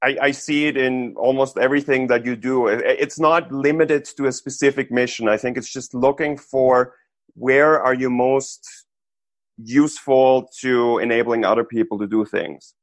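A man's voice: medium pitch, steady tone, normal speed, no echo. Thoughtful man from Austria, dry sound. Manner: thoughtful, frequent restarts and "like" fillers. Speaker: interview guest, entrepreneur. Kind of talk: casual interview talk.

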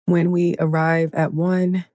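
A woman leading a guided meditation in a slow, soothing, hushed manner, counting breaths and counting down. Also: fairly low pitch, flat delivery, no echo, clean studio sound.

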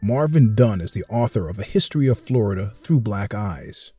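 A man narrates in a true crime documentary style as host. His voice is low and mellow with a husky edge, recorded close and dry over a music bed. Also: animated, moderate pace, no echo.

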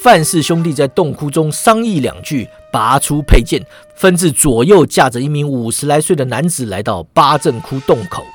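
A man's voice: on the high side, expressive, normal speed, soft background music. A man narrating a serialized martial-arts story with a dramatic telling.

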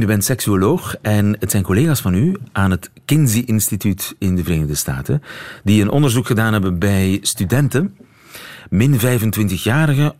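A man's voice: lowish voice, darkish tone. A man, hosting a radio interview and asking conversational questions. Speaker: radio host.

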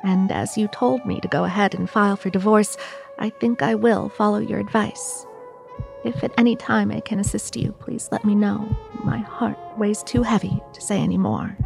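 An actress playing a heartbroken, pleading 1920s wife with a gravelly edge to her voice. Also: mid-range voice, steady tone, moderate pace, a little mellow, faint music behind. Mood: sorrowful. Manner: sorrowful, pleading.

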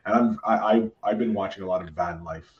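A Canadian man hosts a casual podcast interview, chatty and enthusiastic, often restarting his sentences. His voice is on the low side and brisk. He's off-mic, so the sound is echoey and roomy, with the highs cut off.

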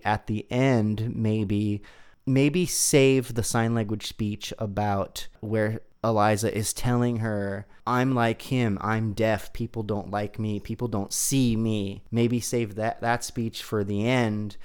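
A man co-hosting a casual chat about films, relaxed and joking, thinking aloud as he goes. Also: on the low side, takes it slowly, clean tone. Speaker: podcast co-host. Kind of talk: casual film review chat.

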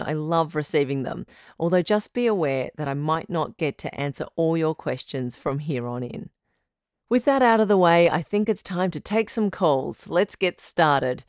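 A woman playing a smooth radio host. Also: low voice, a little mellow, no room sound, studio quality, close to an everyday voice. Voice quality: smooth, measured and reassuring. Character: smooth female radio advice-show host. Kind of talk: scripted radio call-in drama.

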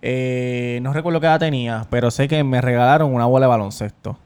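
A man, co-hosting a podcast in lively, teasing, profane chat. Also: mid-range voice, fast talker, clear, resonant tone. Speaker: podcast co-host. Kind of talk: casual chat.

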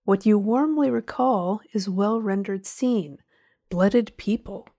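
A woman hosting a podcast reads a book introduction aloud. Her voice is warm and mellow, set at an ordinary middle pitch. She reads in a measured, expressive way, with dramatic pauses. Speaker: podcast host.

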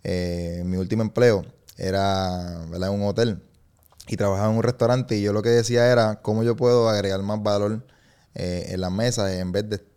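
Puerto Rican man as a podcast guest, low and clear voice, earnest, keeps adding tag questions. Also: fairly even intonation, normal speed, a little mellow. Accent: Puerto Rican Spanish. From Puerto Rico. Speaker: interview guest, investor. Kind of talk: casual podcast interview.

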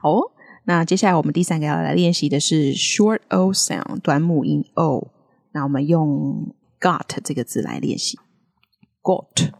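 Woman host, low and husky, very animated delivery, casual teaching patter with lots of laughter. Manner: laughs often, models English words slowly. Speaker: podcast co-host teaching English accents. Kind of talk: casual language-lesson chat.

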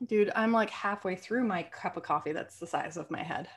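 A woman's voice: on the low side, normal speed, slightly rough. A woman co-hosting a podcast, telling anecdotes casually in slangy, informal speech and acting out bits of dialogue. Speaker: podcast co-host.

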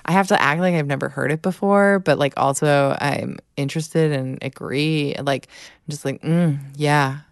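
Female podcast co-host, low voice, animated and giggly, many fillers, dry close sound. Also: normal speed, creaky, no room sound. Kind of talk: casual podcast chat.

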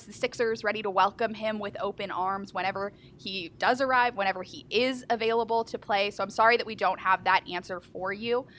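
A woman's voice: medium pitch, a bit bright, slight background noise. A woman from Houston hosting a live basketball talk show, speaking with enthusiastic emphasis. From Houston, Texas. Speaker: sports show host.

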